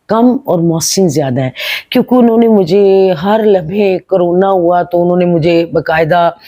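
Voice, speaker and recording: An older woman, an actress reminiscing to camera as a lively storyteller who imitates other people. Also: on the low side, dry recording. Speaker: film actress.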